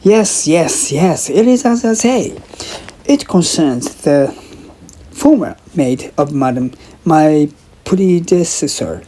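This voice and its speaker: A woman's voice: sits low, animated, slow, dark tone, a little hiss or hum, pitched above the performer's own voice. A woman reading aloud and voicing an anxious young lady's maid who insists and protests in a raised, earnest voice. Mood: insistent. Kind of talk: audiobook character reading.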